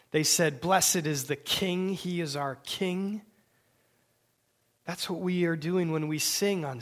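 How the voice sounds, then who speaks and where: A man preaching a sermon with emphatic delivery, dropping to hushed near-whispers on key words. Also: fairly high pitch. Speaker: pastor.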